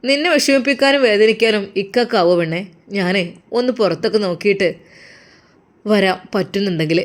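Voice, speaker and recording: A woman's voice: mid-range voice, a little fast, close to an everyday voice. A woman with a Malappuram Malayalam accent voicing a caring older brother who soothes and lectures earnestly. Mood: soothing. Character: caring protective older brother, young man. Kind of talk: storytelling role-play.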